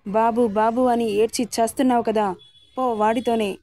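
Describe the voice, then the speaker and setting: A woman's voice: fairly high pitch, steady tone, normal speed, a little mellow, dry recording, lightly acted. A woman voicing an angry, domineering young husband who talks harshly and scolds, in a dry recording.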